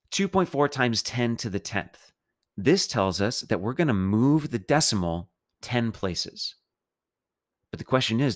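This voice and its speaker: Low-voiced casual chemistry teacher. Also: male voice. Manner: casual, playful explaining with a loose, chatty delivery. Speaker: chemistry instructor. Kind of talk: recorded math lecture.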